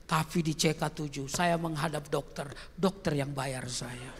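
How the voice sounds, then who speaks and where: An older man preaching as pastor in a large church, shifting from quiet storytelling to loud shouted exclamations. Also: fairly high pitch, unhurried, background noise. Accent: Indonesian. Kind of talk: sermon. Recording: long church hall reverb.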